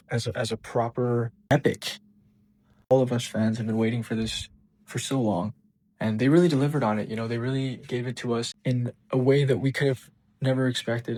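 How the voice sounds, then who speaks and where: A man hosting his own channel, giving an excited, gushing breakdown of a new show's first episode with frequent ums and restarts. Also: medium pitch, low-quality recording. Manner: enthusiastic, gushing fan. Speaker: show reviewer and channel host.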